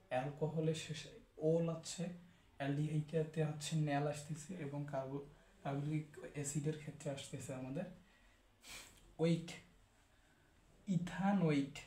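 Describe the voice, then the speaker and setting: A man teaching chemistry in a steady, explanatory way, repeating each term as he goes. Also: on the high side, a little hiss or hum. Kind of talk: classroom lecture. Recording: echoey room.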